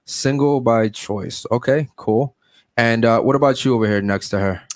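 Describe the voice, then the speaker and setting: A man's voice: medium pitch, normal speed, no room sound, studio quality. A young adult man hosting a podcast, questioning guests in a blunt, crude, teasing way. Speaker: podcast host. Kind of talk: blunt questioning panel talk.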